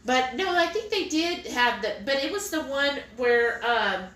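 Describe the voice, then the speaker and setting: A woman's voice: sits high, expressive, measured pace, a bit bright, far from the mic, a little hiss or hum. A woman co-hosting a live stream, chatting casually and reading viewer comments aloud. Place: home kitchen. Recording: echoey room.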